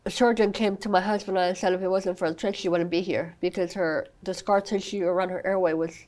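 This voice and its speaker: A woman's voice: lowish voice, fairly even intonation, a little fast, darkish tone. Earnest young mother, filler-heavy talk. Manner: earnest, many fillers like "I mean" and "you know". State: recovering from illness, occasional cough. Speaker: guest, mother of a child with a rare condition. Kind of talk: podcast interview.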